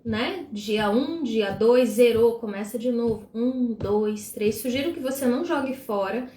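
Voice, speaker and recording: Woman, devotional teacher, animated, fairly high voice, reverberant room. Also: a little slow. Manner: animated and expressive, acting out examples. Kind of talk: live-streamed devotional teaching. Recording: roomy echo.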